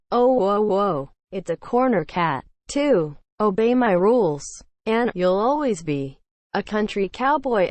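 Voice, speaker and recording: A woman reading online stories aloud in steady scripted narration. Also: medium pitch, no room sound. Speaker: Reddit story reader.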